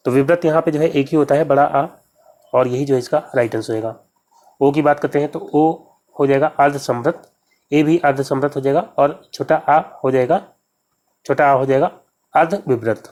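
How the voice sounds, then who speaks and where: A man's voice: mid-range voice, normal speed, darkish tone. A man teaching exam-prep grammar, working through practice questions one by one and repeating key terms as he explains. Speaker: Hindi exam tutor.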